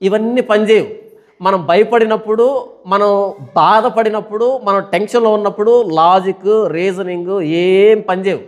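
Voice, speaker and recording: Male pastor, high-pitched, animated teaching sermon full of rhetorical questions. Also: a little slow. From India. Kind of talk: Bible study sermon.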